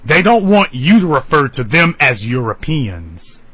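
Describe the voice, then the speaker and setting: A man hosting a talk radio show, delivering an emphatic, preachy monologue that leaps high for emphasis. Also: sing-song, a little slow, bright, forceful tone, breathy edge, no room sound, low-quality recording.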